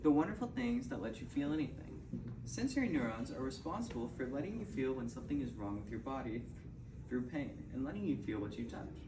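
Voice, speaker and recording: A man's voice: medium pitch, animated. Man doing a hard-sell infomercial, distant and echoey. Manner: halting delivery with stumbles and repeated phrases. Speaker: presenter in a mock infomercial. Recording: roomy, distant mic, clearly noisy.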